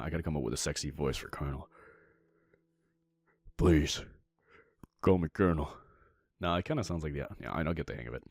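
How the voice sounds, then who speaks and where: A man's voice: very deep voice, a little mellow, breathy edge. A young man streaming a dating sim, reading the narration aloud and riffing playfully. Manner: playful, reads narration and riffs on it. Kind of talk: casual game commentary, reading aloud.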